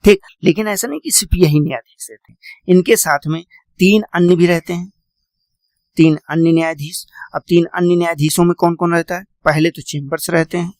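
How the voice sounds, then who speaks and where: A man's voice: on the high side, fairly even intonation, brisk, a little mellow, no echo. A man teaching a classroom lecture, repeating key points, quizzing his students and calling them "beta".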